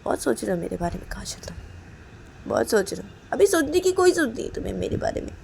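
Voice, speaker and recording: A woman's voice: mid-range voice, big pitch swings, fast talker, vocal fry, a little mellow, a little hiss or hum. A woman voicing a stubborn, angry young woman who snaps back with scolding retorts. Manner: scolding, snapping retorts of "haan?".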